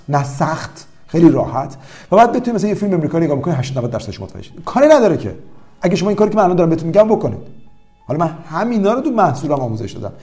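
Man, language teacher, animated storytelling, expressive lively delivery. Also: on the high side. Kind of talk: promotional language-learning talk.

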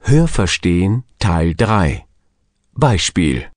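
A man's voice: low voice, sing-song, drawn-out words, darkish tone, no room sound. A man announcing the items of a listening test as its narrator. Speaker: exercise narrator.

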